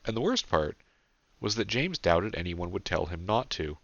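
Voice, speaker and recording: Male author-narrator, deep bright voice, earnest, dry close lo-fi recording. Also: big pitch swings, normal speed, no echo. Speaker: author narrating his own novel. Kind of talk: audiobook narration.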